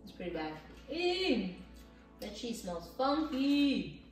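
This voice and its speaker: A woman in a relaxed snack-tasting chat, her lively, higher voice muffled by candy she's eating as she talks. She sounds distant and echoey, caught from across a bare room. Faint music plays behind her. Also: slow pace. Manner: chatty, reacts aloud to tastes. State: eating candy while talking. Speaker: co-host.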